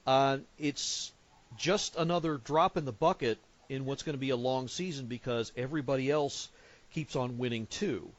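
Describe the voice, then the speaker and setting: Halting male podcast co-host. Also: mid-range voice. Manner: halting, many fillers and restarts. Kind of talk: casual sports chat. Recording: dull lo-fi podcast audio.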